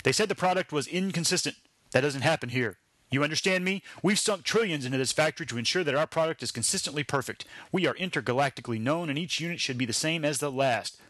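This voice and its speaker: A man voicing a gruff, bullying male factory boss who barks contemptuous orders. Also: fairly high pitch, quick pace, fairly bright tone, no room sound. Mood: stern. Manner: barking, contemptuous.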